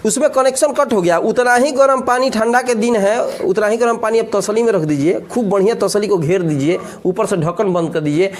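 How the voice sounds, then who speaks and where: A man with a Bihari accent teaching physics in a classroom lecture, joking and often repeating questions to the class. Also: sits high.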